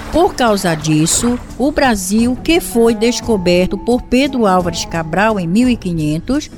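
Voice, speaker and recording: A woman plays a kindly Brazilian granny with a fairly high voice, telling children a fireside story on a radio show. She goes unhurriedly, with music playing softly behind her. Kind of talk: fireside storytelling, scripted children's history tale.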